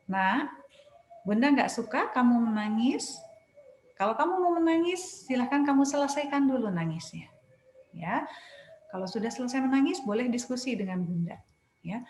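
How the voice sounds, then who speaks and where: A woman child psychologist giving parenting advice, patiently explaining step by step with everyday examples. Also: fairly high pitch. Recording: roomy echo.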